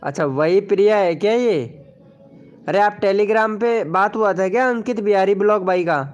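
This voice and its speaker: The host of this casual live stream is a man with a Hindi accent whose voice sits high and moves at a moderate pace, with the highs cut off. He chats with viewers, reads out their names and comments, and promotes channels over faint background music.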